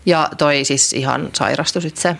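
This podcast co-host is a young adult woman whose low, creaky voice has a fairly bright tone and fairly even intonation. Her casual chat wanders, with lots of fillers and false starts.

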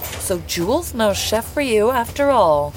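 An actress playing an excitable, romantic wife, gushing and enthusiastic. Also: female voice, fairly high pitch, takes it slowly, a little hiss or hum.

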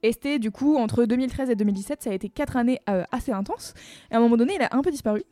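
A woman's voice: fairly high pitch, expressive, very fast, warm tone, no echo. Chatty French-speaking woman hosting music talk. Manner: chatty and enthusiastic, many fillers. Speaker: music radio host. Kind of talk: casual music chat.

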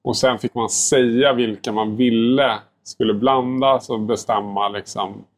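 A man's voice: medium pitch, steady tone. A man, a baker and pastry chef, chatting casually as a guest, rambling with lots of filler words and mild swearing. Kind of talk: casual podcast chat.

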